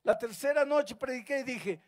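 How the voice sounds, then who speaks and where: A man, a pastor, telling a story in a sermon, swinging between loud rising peaks and soft low drops. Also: normal speed. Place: live university event.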